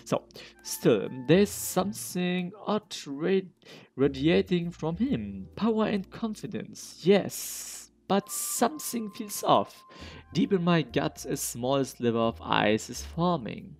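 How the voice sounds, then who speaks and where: A man's voice: fairly high pitch, lively intonation, takes it slowly, creaky, faint music behind. A man hosting a let's play, reading a visual novel game aloud and stumbling over names he is unsure how to pronounce.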